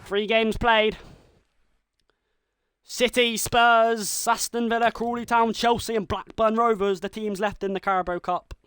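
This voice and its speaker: Man, game streamer, play-by-play commentary, high voice, excitable. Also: unhurried, smooth, no echo. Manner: excitable play-by-play, shouting at big moments; mimics a football commentator and a team manager. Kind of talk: live gameplay commentary.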